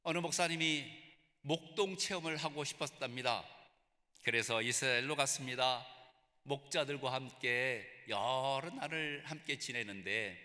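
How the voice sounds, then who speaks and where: A man's voice: mid-range voice, pushed and bright. A man preaching a sermon at a graduation ceremony, telling stories earnestly. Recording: reverberant hall.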